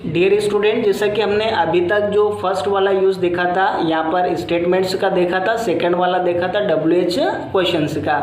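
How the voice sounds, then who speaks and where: A woman's voice: on the low side, steady tone, darkish tone, slight background noise. Woman teaching in an echoey room. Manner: explains slowly, repeats example sentences with drawn-out falling tone. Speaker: English teacher. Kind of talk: classroom lesson explanation.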